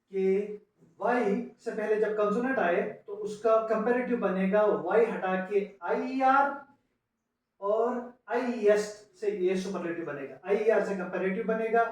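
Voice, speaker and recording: A man with a high-pitched voice gives an unhurried grammar lesson, spelling out word endings letter by letter. He is recorded from well away from the mic, in a very echoey room. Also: recorded from a distance. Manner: explains slowly, spelling words out letter by letter; mixes English terms into his explanations. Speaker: English grammar teacher. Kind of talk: classroom lecture.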